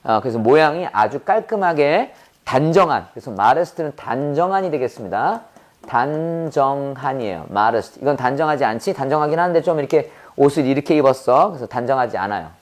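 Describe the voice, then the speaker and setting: A man teaching English vocabulary in a playful way, with quick asides and silly acted examples. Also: medium pitch. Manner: animated, drops into silly voices and sound effects to make words memorable.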